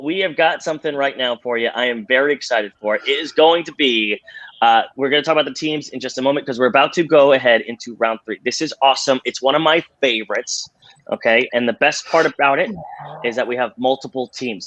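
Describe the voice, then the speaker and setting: A man's voice: mid-range voice, fairly quick, a bit bright, dull audio. A man hosting a live trivia game in an upbeat, showy cruise-director style of announcing. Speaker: game show host.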